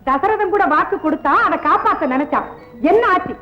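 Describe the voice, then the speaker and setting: A woman's voice: very high voice, lively intonation, a little fast. An actress playing a stern mother guarding her family's honour in an old film melodrama. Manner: stern, firm. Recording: dull old film soundtrack with music.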